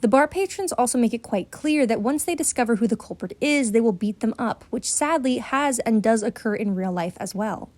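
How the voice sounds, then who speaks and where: A woman's voice: fairly high pitch, animated, fairly quick, hardly any pauses, a little mellow, dry recording. Earnest woman narrating a video essay. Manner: earnest, explanatory.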